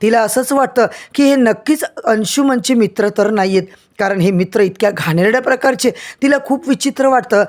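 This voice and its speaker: A woman's voice: fairly high pitch, fairly quick, darkish tone. A woman narrating an episode recap of a TV serial, addressing viewers directly in a storytelling manner.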